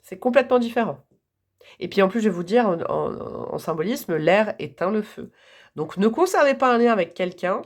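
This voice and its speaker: A hoarse woman giving a casual, enthusiastic tarot reading to her viewers, chatty and quick to laugh. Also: mid-range voice, animated. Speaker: tarot reader.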